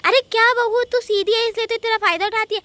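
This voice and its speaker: A woman playing a stern, bossy older mother-in-law in a comedy skit, scolding loudly. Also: extremely high pitch, steady tone, fast talker, no room sound, pitched above the performer's own voice. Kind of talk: comedy skit role-play.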